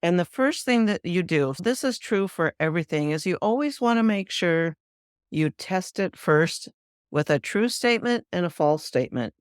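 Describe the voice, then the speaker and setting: A woman hosting a spiritual podcast, calmly explaining a practice step by step in an instructive solo talk. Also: lowish voice, dry recording, clean studio sound. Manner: calm, measured, guiding explanations. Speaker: spiritual teacher, podcast host.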